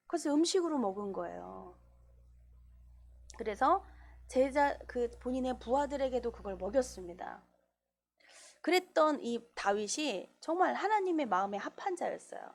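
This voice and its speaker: Woman pastor, sermon delivery, lively rising and falling pitch, slightly high voice. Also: moderate pace, creaky, long pauses. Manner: animated preaching, acts out quoted voices. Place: church.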